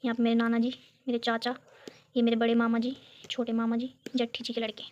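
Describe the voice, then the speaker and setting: Young female home vlogger from Uttarakhand, chatty and giggly, talks to viewers on a phone; highish, even-toned voice. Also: a little fast, dull audio. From Uttarakhand, India. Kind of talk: casual chat showing a photo album. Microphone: phone camera.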